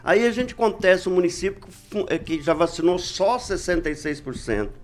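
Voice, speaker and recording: A man on a radio talk show who comments in a wry, relaxed manner. His pitch moves a lot, and his voice sits somewhat high. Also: brisk, soft background music. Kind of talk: casual debate.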